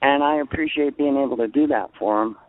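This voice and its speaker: A man's voice: mid-range voice, fairly quick, no room sound. Caller: a blunt, defiant man phoning in from a parking lot, tinny phone sound, dry. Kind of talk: call-in radio talk.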